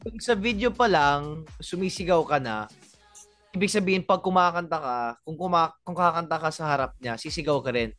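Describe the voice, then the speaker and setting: A Filipino co-host chatting playfully in a mix of Tagalog and English, now and then bursting into loud laughter. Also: mid-range voice, lively intonation, moderate pace, soft background music. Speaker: online show co-host. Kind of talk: lively chat mixing Tagalog and English.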